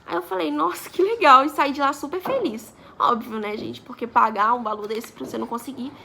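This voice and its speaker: A woman's voice: a little high, a little fast, gravelly, pushed and bright, a little hiss or hum. A young woman in her twenties from Brazil, chatting through a story for her vlog and acting out the dialogue. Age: 20s. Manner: chatty, acts out quoted dialogue. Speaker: vlogger.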